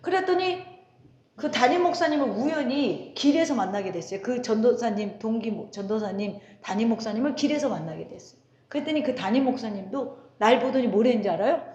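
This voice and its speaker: A woman pastor in her forties preaches in a high, bright voice, chatting with the congregation and firing questions at them. She slips into stories and laughs along the way. Her voice rings around an echoey church sanctuary. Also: expressive, a little fast, dull audio. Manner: conversational, asks the congregation questions, tells anecdotes with laughter. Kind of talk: sermon.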